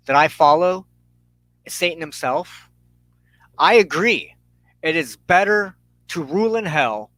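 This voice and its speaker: Speaking slowly and with purpose, this man, a preacher who hosts a spiritual show, delivers a fervent sermon-style address full of repeated phrases and dramatic pauses. His slightly higher-than-average voice has a fairly bright tone. The recording is low quality, close and dry, with no room sound.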